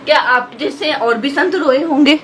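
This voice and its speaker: High-voiced woman anchor grilling a guest. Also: normal speed, a bit bright, slight background noise. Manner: challenging, pointed questions. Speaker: TV debate anchor. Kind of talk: televised debate questioning.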